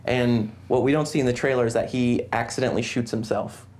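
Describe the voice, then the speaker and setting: A man in casual movie chat, telling a story with laughter and loud impressions. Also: mid-range voice, fairly even intonation, brisk, slight background noise.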